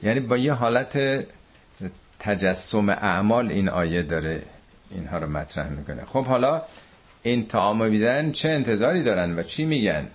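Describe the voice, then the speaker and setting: A man from Iran teaching a Quran commentary class, reciting Arabic verses slowly and explaining them in everyday speech. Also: on the low side, lively intonation.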